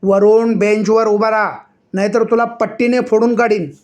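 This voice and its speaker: A man voicing a stern, short-tempered male schoolteacher inside a story reading, scolding loudly with a raised voice. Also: unhurried. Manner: loud scolding, raised pitch. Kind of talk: acted dialogue in a story reading.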